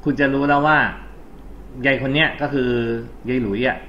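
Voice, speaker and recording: Bright-voiced Thai man teaching English. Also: medium pitch, fairly even intonation, moderate pace. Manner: chatty, self-correcting, mixes English terms into Thai explanations. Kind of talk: recorded exam-prep lesson. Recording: slightly dull recording with faint background noise.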